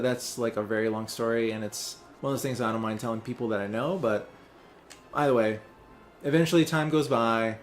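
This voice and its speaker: A man's voice: mid-range voice, slight background noise. A young man hosting a let's play, chatting casually while he plays, rambling and distracted, with many fillers. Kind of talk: casual chat while playing a game.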